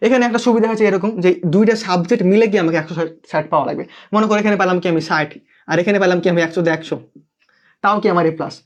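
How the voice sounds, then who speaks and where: A man's voice: sits high, very fast. A young man with a Bangladeshi Bengali accent teaching a live online English class, checking in with students again and again. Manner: checks in constantly, asks students to comment. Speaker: English tutor.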